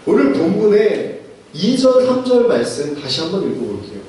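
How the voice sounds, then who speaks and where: A man's voice: sits high, big pitch swings, moderate pace, darkish tone, distant mic. A male pastor giving a conversational sermon, posing rhetorical questions to his congregation. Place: church sanctuary. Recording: echoey church recorded from afar.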